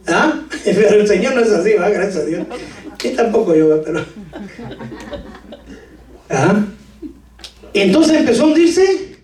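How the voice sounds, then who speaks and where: A man preaching a lively sermon to his congregation with jokes, sudden shouts and talk of brothers. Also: high-pitched, unhurried, pauses often. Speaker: pastor. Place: church hall. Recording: echoey church hall from far off.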